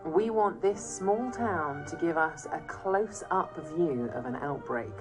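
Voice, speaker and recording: A British woman narrates a documentary, her voice sitting a little low and her delivery steady and explanatory. Clear, measured phrasing carries over a strong music bed. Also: rough recording. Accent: British English. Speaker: documentary presenter.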